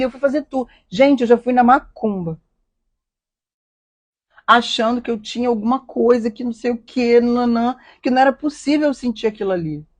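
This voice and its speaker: A woman's voice: a little high, darkish tone. Earnest, emotional Rio woman host. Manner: emotional, earnest, rhetorical questions. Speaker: host of a live stream. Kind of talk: confessional personal talk.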